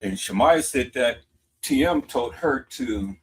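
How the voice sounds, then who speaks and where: A man giving emphatic commentary on a played clip, repeating quotes for effect and rising toward a shout. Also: medium pitch, unhurried, slight background noise, rough recording.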